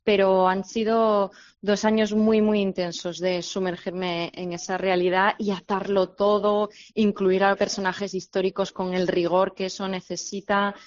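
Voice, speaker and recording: A woman's voice: medium pitch, little pitch movement. Woman author guest, hesitant and restarting, slightly dull lo-fi line. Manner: halting, many restarts and fillers. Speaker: novelist guest. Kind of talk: radio interview answers.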